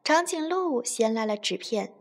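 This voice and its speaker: A woman telling a children's bedtime story in a gentle, expressive way. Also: on the high side, measured pace.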